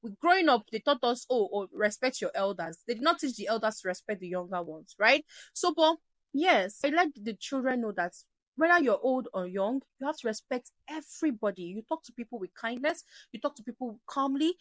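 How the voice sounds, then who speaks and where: Animated woman, parenting host. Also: on the high side, a little fast, dry recording. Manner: animated, acts out shouting parents, drops to soft emphasis. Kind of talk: advice talk answering viewer questions.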